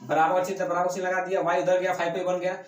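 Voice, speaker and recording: Male math teacher, a fairly high voice, in an echoey classroom. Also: little pitch movement, fast, recorded from a distance. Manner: checks in with students after every step. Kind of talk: classroom lesson.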